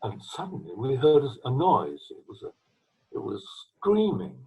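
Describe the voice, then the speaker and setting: An older man from England, a retired trombonist, telling long rambling stories from his career with restarts and throat-clearing, speaking from home over a video call. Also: mid-range voice, huge pitch swings, moderate pace, mellow. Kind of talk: storytelling interview. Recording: tinny video call line.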